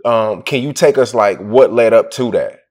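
A man's voice: medium pitch, moderate pace, a little mellow. A man interviewing a rapper in a casual, rambling way, full of fillers and restarts.

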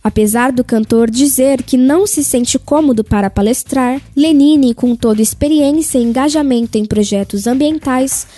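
A woman reading a scripted news report as a voice-over, in a smooth, measured delivery. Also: high voice, mellow, no echo, soft background music.

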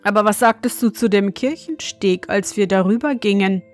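A woman's voice: mid-range voice, moderate pace, faint music behind, natural voice. A woman reading an earnest young prince. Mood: probing. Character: young king's son, earnest, questioning.

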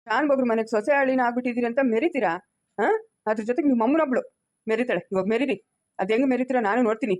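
A woman's voice: on the high side, racing, darkish tone, natural voice. A woman playing a gloating, shameless father. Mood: taunting. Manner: taunting, gloating. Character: defiant shameless middle-aged father. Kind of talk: amateur family drama.

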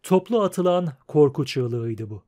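Guy reading an audiobook, steady measured voice, a bit high. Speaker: audiobook narrator. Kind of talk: scripted narration.

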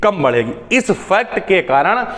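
A high-pitched male chemistry teacher who lectures in a casual, chatty way. He keeps asking the class questions and answering them himself, mixing in homely jokes. His voice rings with a long reverb, as if he were speaking in a hall. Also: sing-song, a little slow, fairly bright tone.

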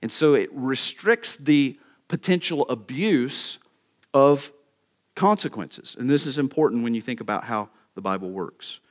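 A man's voice: medium pitch, expressive, a little slow. A male pastor preaching a sermon, laying out numbered points with emphasis and checking in with the congregation by asking "okay?".

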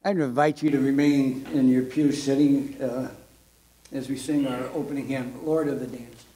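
An older man with a Midwestern American accent, speaking as a pastor and giving church announcements from a lectern in a sanctuary, halting, with many filler words. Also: mid-range voice, fairly even intonation.

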